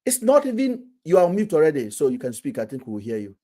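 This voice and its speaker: A man's voice: a little high, huge pitch swings, fast talker, dark tone. A man hosting a casual live stream, talking animatedly and often restarting his words.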